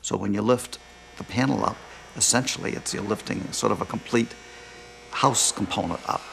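Older ceo guy, low gravelly voice, talks it through slow and thoughtful, faint hiss. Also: fairly bright tone. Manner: thoughtful, gestures as he explains, restarts mid-phrase. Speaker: company CEO. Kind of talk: interview. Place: indoor living room.

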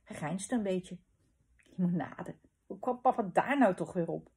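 Husky woman reading a children's story. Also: mid-range voice, normal speed. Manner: lively, expressive reading.

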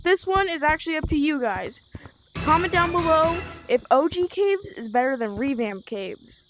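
A woman hosting a casual gaming video, talking in an excitable way with loud exclamations. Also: high-pitched, moderate pace, background noise. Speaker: host.

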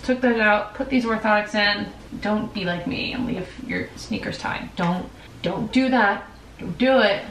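A woman's voice: mid-range voice, unhurried, fairly bright tone, a little hiss or hum. A woman in her twenties chatting casually and upbeat in a bedroom vlog. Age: 20s. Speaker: vlogger. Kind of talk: casual chat. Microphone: far camera. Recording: roomy, from a distance.

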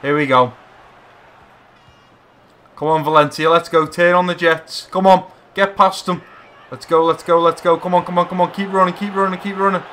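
A man giving excitable live commentary while playing a football video game, shouting encouragement at his players. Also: high-pitched, moderate pace, pauses often, a little hiss or hum. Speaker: gamer playing a football career mode.

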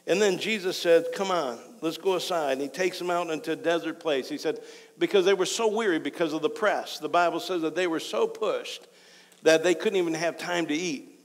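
A male pastor preaching a sermon, emphatic and rising to excited, raised delivery. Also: on the high side. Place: church sanctuary. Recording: church hall reverb.

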